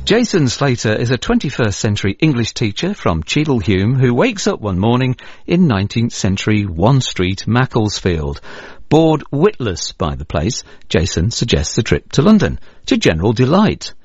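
A man narrates a radio drama introduction wryly, with a husky, mid-pitched voice and lively movement. The sound is dry. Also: moderate pace, no room sound, dull audio. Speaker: announcer, narrator. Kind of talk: wry scripted drama introduction.

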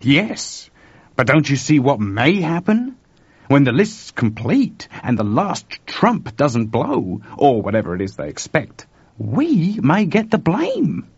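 A man voicing an urgent, excitable and worried male computer engineer in an audiobook story, speaking colloquially. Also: fairly high pitch, slow, husky, dry recording, voice pushed up, heavily acted. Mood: worried, pressing. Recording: dull lo-fi dry recording.

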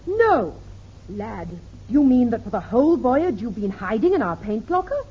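A woman's voice: fairly high pitch, big pitch swings, moderate pace. A woman playing a bossy, fussy pirate ship's captain in an imperious radio comedy style. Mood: indignant. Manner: imperious, scolding. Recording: dull, very noisy old radio recording.

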